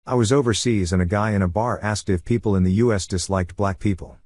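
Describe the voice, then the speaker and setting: A man reading online forum comments aloud in an even, matter-of-fact way as the narrator of a compilation. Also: on the low side, fairly quick, dry recording.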